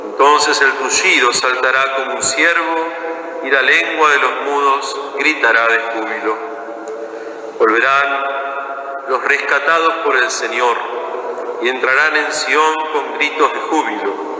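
A man, a priest celebrating mass, reading prayers and scripture in a slow, measured way in a large church. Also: mid-range voice, fairly even intonation, pushed and bright, slight background noise. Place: large ornate church, indoors. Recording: echoey church from far off.

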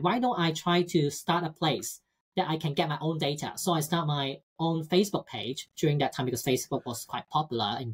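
Husky man with a Cantonese accent. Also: on the high side. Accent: Hong Kong Cantonese. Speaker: researcher guest. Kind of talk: explaining research in an online interview. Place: indoors at home, on a video call. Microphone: video call microphone.

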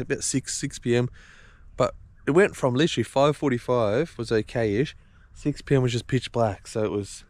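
A man in his thirties with an Australian accent, chatting casually to camera on a camping trip. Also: lowish voice. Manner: chatty, laid-back, says mate and stoked. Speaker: vlogger. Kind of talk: casual travel vlog. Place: outdoors at a beach campsite and in a car.

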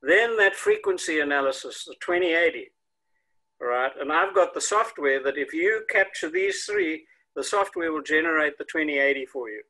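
An older man in his 60s or 70s with a South African accent, a consultant and coach appearing as an interview guest, explains things conversationally over a video call using earbuds. His slightly high voice is bright, forceful and very animated at a normal speed. He's indoors in a home room with windows, and the recording is rough.

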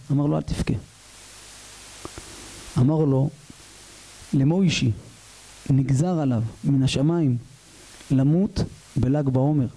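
A man's voice: a little high, mellow, rough recording. A man, a rabbi, giving an emotional sermon, telling a story, acting out its dialogue and asking the audience questions. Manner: addresses audience with repeated questions, acts out dialogue.

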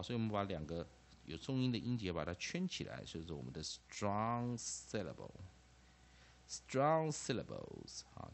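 A man with a Taiwanese Mandarin accent, giving a classroom-style English phonics lecture, who keeps tagging phrases with "ah" and "ha" and repeats key terms. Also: low voice. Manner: lively, peppers phrases with 'ah' and 'ha', repeats terms. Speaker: English teacher.

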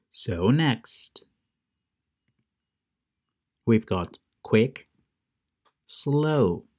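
A man teaching English words to children, repeating each word pair slowly and stressing how to say it. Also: on the low side, dark tone. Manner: drills word pairs with slow, careful repetition; stresses English pronunciation for learners. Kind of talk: bilingual vocabulary lesson for children.

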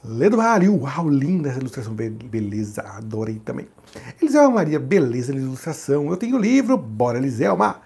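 A man's voice: mid-range voice, very animated, brisk, creaky, mellow, husky. A man co-hosting a casual livestream, reading viewers' comments aloud and greeting them one by one by name. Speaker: livestream co-host reading chat.

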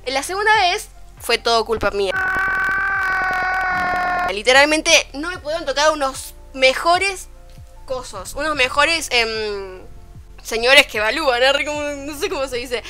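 A young woman with a Rioplatense accent, telling a story in a casual vlog, animated and swearing freely, quoting people as she goes. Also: high-pitched. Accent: Rioplatense Spanish. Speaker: vlogger. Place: at home, her bedroom.

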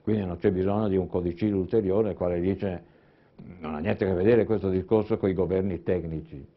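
Male panelist, low voice, measured lecturing style with restarts, dull lo-fi conference audio. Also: fairly even intonation. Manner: deliberate, restarts and repeats words. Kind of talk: conference talk.

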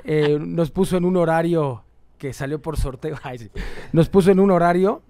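A man with a Mexican Spanish accent, a guest musician telling stories in an animated, slangy, profane way. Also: a little high, moderate pace, no echo. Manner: animated, slangy and profane, full of quoted voices. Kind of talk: casual storytelling.

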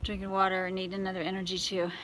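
Recording her trail vlog on a phone at arm's length in the wooded mountains, a weary middle-aged American thru-hiker chats casually. She speaks very fast in a mid-range, monotone, slightly bright voice, and the low-quality recording carries slight background noise.

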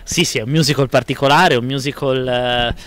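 A man in his thirties, a stage actor giving a casual promotional interview with an animated, smiling delivery. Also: medium pitch, fairly quick.

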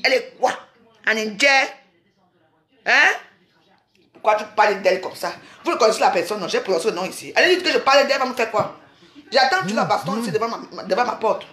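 A woman's voice: mid-range voice, fast talker, a bit bright. A woman from Cameroon, ranting angrily on a home live stream, scolding and repeating herself. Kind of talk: angry live-stream rant. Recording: roomy echo.

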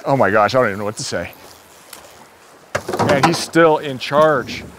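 A man's voice: medium pitch, animated, normal speed, background noise. A man hosting a fishing show outdoors on a river, exclaiming, laughing and giving casting tips as he fishes. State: out of breath at times. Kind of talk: excited on-the-water fishing commentary.

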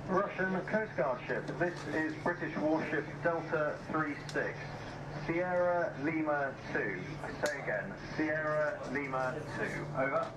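A man working as a warship radio operator, speaking over a ship's radio in formal, measured, firm radio procedure. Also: on the high side. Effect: heard over a ship's radio. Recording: distant echoey radio audio with noise.

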